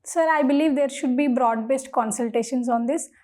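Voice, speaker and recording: Indian woman, high voice, formal and slightly hesitant interview candidate, deferential to the panel. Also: moderate pace, dark tone. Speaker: candidate in mock civil service interview.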